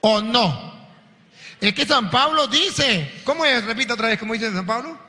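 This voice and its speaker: Man priest, sermon, animated storyteller, bright forceful voice, long hall echo. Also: very high-pitched, moderate pace.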